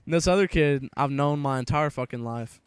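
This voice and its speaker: A man's voice: fairly high pitch, a little fast, clear, resonant tone, no room sound. A young man in his late teens telling a rambling, profane school story while playing a game. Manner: casual, profane, rambling with restarts. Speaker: gaming vlogger. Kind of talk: rambling storytelling over gameplay.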